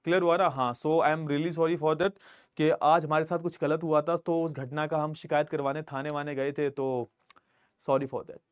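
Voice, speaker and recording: Male online teacher, casual and talkative, slightly high pitch, dry close sound, often checks his audio. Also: little pitch movement, a little slow, clear, resonant tone, no room sound. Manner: chatty, addresses students as "beta", keeps checking his audio. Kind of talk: casual live online class. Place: recording studio.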